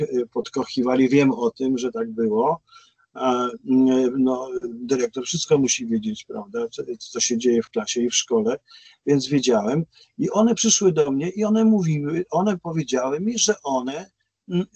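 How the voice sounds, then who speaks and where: A man's voice: medium pitch, darkish tone, breathy edge, no room sound. A man who is a school principal, telling a long story to teachers in a webinar, hesitant, with many fillers and restarts. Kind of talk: anecdotal webinar talk.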